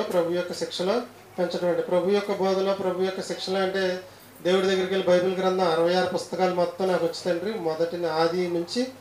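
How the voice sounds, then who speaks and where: A man's voice: high voice, slight background noise. A man teaching a Bible lesson who repeats key phrases and keeps asking his listeners questions. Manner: repetitive, asks questions of listeners. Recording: roomy echo.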